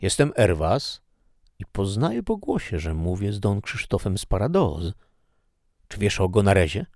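A man voicing an anxious young male prisoner in a storybook reading, asking questions in the dark. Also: fairly low pitch, big pitch swings, moderate pace, no room sound, clean studio sound, voice pushed up.

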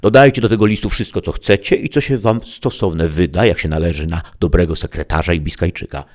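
A man voicing a blustering, hungry peasant-governor who grumbles indignantly and loudly. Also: sits low, fairly quick, lightly acted. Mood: pompous. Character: blustering hungry peasant-governor Sancho, male, middle-aged.

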